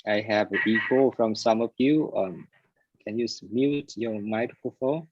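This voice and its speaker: A man's voice: fairly low pitch, unhurried, breathy edge, no echo. A man teaching an English class online, drilling words and often checking with "right?". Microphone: computer microphone on a video call. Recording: dull lo-fi online call audio.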